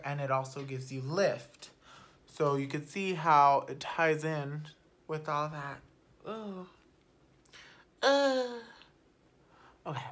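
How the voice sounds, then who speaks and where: Bright-toned, unhurried young woman vlogger. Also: extremely low pitch. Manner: chatty and unfiltered, swears offhandedly, drifts into soft murmurs. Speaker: beauty vlogger. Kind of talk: casual makeup talk-through. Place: at home, not in a studio.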